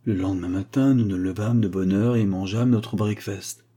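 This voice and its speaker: A man reading a short story aloud as narrator, in a measured storytelling manner. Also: fairly low pitch, mellow. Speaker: audiobook narrator. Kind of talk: scripted narration.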